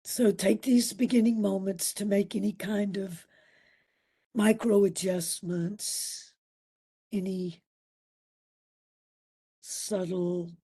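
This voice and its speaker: Her voice breathy and at times almost a whisper, a woman leads a guided meditation at a medium pitch. The tone is dark and mellow, the delivery very slow and calming, with short phrases separated by long pauses.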